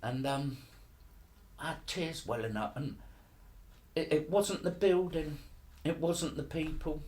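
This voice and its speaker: Earnest man. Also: medium pitch. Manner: earnest, halting, repeats words, occasional laughs. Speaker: testimony speaker. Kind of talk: personal faith testimony.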